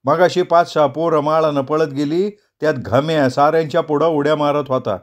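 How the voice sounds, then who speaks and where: A male storyteller voicing a calm elder village man who settles a quarrel in a soothing way. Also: fairly high pitch, moderate pace, pitched above the performer's own voice, natural voice.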